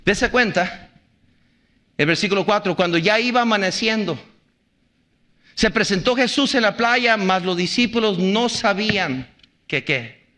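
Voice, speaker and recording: A man, a pastor preaching an impassioned sermon, hammering rhetorical questions and at times shouting. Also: sits high, lively intonation, measured pace, long pauses.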